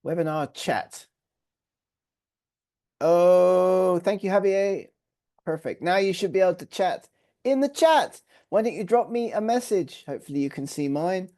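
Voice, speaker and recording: A man's voice: high-pitched, expressive, a little slow, dark tone. Upbeat English man hosting a webinar. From England. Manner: upbeat and welcoming, lots of praise words. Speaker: webinar host. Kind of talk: live online webinar hosting. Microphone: video call.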